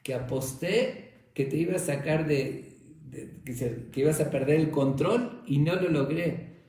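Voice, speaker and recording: A man's voice: fairly high pitch, measured pace, mellow, recorded from a distance, lightly acted. A man voicing a provocative young man who pesters with silly questions in a mock-innocent way, in a very echoey room. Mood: pestering.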